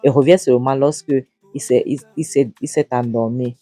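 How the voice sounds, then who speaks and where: A narrator acting out an indignant husband who scolds his wife, raising the pitch and repeating "Hein?". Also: steady tone, normal speed, dark tone, no echo, faint music behind, lightly acted. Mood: berating.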